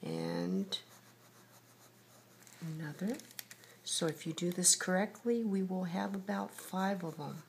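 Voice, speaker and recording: A woman's voice: lowish voice, very animated, takes it slowly, creaky, pauses often, slight background noise. A woman giving a step-by-step painting tutorial, patiently narrating each brushstroke as she works, like a TV painting instructor. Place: indoors at a table.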